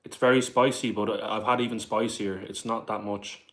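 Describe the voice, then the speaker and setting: Dublin guy on a livestream, lowish voice, reads chat out loud, says bro a lot. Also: steady tone, a little fast. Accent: Dublin Irish. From Ireland. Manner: reads viewer questions aloud and answers them, with frequent "like" and "bro". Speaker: livestream host.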